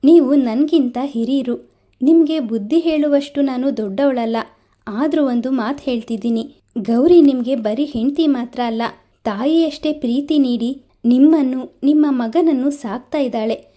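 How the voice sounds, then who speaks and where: A woman's voice: sits high, moderate pace, dark tone, lightly acted. A woman voicing a kind, caring village woman who talks earnestly like an elder sister in a storybook reading.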